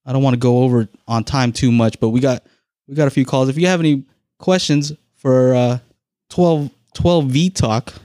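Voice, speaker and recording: A man's voice: medium pitch, fairly even intonation, brisk, dark tone, no room sound, clean studio sound. A man hosting a live call-in audio podcast, talking in an easygoing, chatty way with frequent fillers and laughs. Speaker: podcast host.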